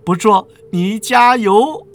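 A storyteller voicing a smug mad-scientist professor with a slow, sarcastic drawl. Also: medium pitch, soft background music, pitched above the performer's own voice, natural voice.

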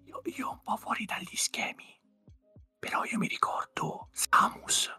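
A man's voice: unhurried, sharp tone, dry recording, soft background music. A man whispering on an ASMR podcast, blunt and casual with swearing.

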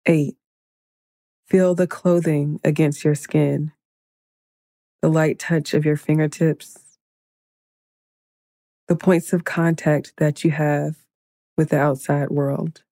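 A woman leading a guided meditation in a slow, soothing, hushed manner, counting breaths and counting down. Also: sits low, flat delivery, no room sound, clean studio sound.

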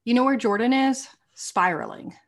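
A woman's voice: on the high side, normal speed. A woman co-hosting a podcast, telling anecdotes casually in slangy, informal speech and acting out bits of dialogue. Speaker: podcast co-host.

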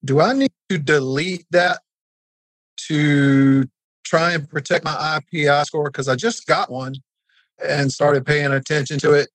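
Man, caller, fairly high voice, dry sound, friendly, straightforward, video call. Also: steady tone, unhurried, a bit bright, dry recording. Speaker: caller asking a question. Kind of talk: casual chat on a video call.

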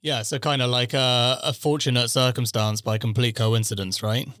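A man's voice: medium pitch, steady tone, moderate pace, a bit bright, clean tone. A man hosting a podcast, presenting and asking questions. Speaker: podcast host. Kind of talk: scripted podcast introduction and interviewing.

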